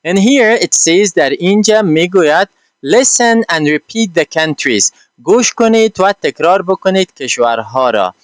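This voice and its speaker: A male English teacher with an Afghan accent speaks slowly in English, then switches to a quicker translation. His voice is smooth and clear, a little higher than most men's, and recorded close and dry. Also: expressive, no echo. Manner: slow careful English, then quick translation with frequent fillers. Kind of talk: bilingual English lesson, explaining each line in Dari.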